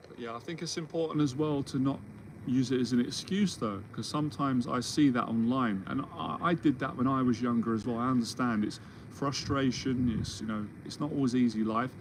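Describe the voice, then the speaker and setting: Casting: man, 40s, mentor type, rambling reassuring monologue, mid pitch, audible background noise. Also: fairly quick, poor audio. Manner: rambling, restarts often, reassuring. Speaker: confidence mentor. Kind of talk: solo Q&A monologue. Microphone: livestream or video call setup.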